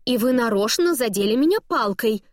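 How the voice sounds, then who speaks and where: A woman's voice: fairly high pitch, lively intonation, normal speed, dry recording, clean studio sound, voice pushed up, close to an everyday voice. A woman voicing an angry, suspicious woman tourist who hurls accusations in an audiobook. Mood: accusing. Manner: accusing, sharp outbursts. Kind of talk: audiobook dialogue.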